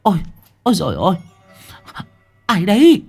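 Brief: man playing older village woman in a storybook, shrill and high, quick to scold. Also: wildly swooping pitch, creaky, a little mellow, husky, soft background music, full character voice. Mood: panicked.

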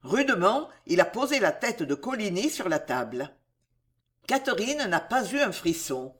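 An audiobook narrator performs a historical novel as slow, theatrical storytelling, full of drama. The voice has a medium pitch, is very animated and fairly bright in tone.

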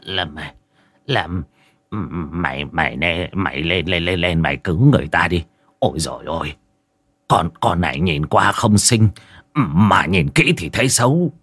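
A man voicing a timid, cowardly old sorcerer who mutters slowly in fear. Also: low voice, big pitch swings, fairly bright tone, breathy edge, no echo, full character voice. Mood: fearful muttering. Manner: slow, muttering, fearful.

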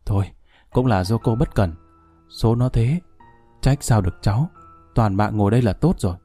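A man's voice: fairly low pitch, moderate pace, mellow, husky, soft background music. A man reading as a stern, commanding old mother. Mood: consoling. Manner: curt, commanding. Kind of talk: storybook reading.

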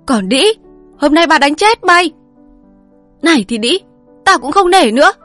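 A woman reader voicing a jealous peasant wife who screams insults in a high, shrill voice. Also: quick pace, no room sound, faint music behind, natural voice. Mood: furious screaming.

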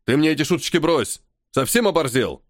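A man's voice: a little high, animated, brisk, no echo, studio quality, voice pushed up, lightly acted. A man reading an audiobook and voicing a stern, ironic army colonel who scolds his subordinate with weary irritation. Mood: irritated. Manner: sarcastic, commanding, weary sighs. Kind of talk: audiobook character voice.

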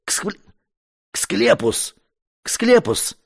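Man playing a panicky stammering butler, voice jumping high, lively. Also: normal speed. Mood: flustered. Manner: stammering, breathless reporting. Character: terrified stammering old household butler.

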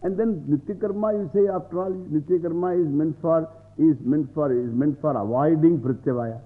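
A man's voice: fairly high pitch, moderate pace. South indian guy, swami giving a scripture lecture, repeats phrases a lot, sounds like its over a phone line. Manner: repeats phrases, explains word by word, argues with rhetorical questions. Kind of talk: scriptural lecture with Sanskrit quotations explained in English.

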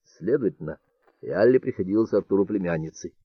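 A man reads an audiobook in a calm, measured way. His voice sits fairly low. The recording is dry, with a slightly dull, muffled sound. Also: slightly rough, no echo. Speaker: audiobook narrator. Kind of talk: scripted narration.

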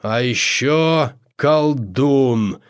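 Man playing strange old creature, grumpy, huge nose, very slow, booming, a bit distant, storybook. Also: smooth. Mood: pompous.

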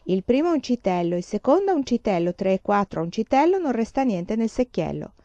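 A woman's voice: fairly high pitch, very animated, fast talker, mellow, no room sound, highs cut off. A woman reading the part of a cheerful, joking pioneer father in an audiobook, in her own voice. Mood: playful.

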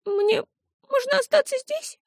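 A woman doing a tearful little girl, high and pleading, close to crying. The recording is dry and close, without room sound. It belongs to an audiobook. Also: measured pace, vocal fry, darkish tone, no room sound, exaggerated voice. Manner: high, pleading, on the edge of tears.

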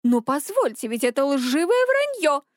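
Woman voicing a fussy little man, high, flustered, breathless, crisp dry sound. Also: normal speed, a little mellow, no echo, natural voice. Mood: flustered wailing.

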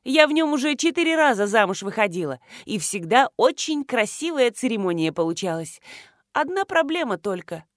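A woman voicing a bubbly, chattering female friend who gushes in a high, excited voice. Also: normal speed, no echo, clean studio sound. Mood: gushing. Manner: gushing, chirpy, high and excited.

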